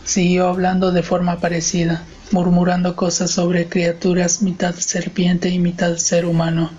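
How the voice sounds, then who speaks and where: A man narrating a horror story as an audiobook in a measured, even reading. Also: high voice, dull audio.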